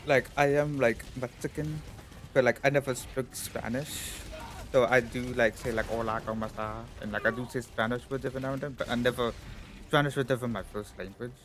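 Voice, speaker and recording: A man gaming on stream chats in a rambling, filler-heavy way, saying "like" and "you know" a lot. His mid-range voice is steady, fairly quick, a bit bright, and slightly stuffy-nosed.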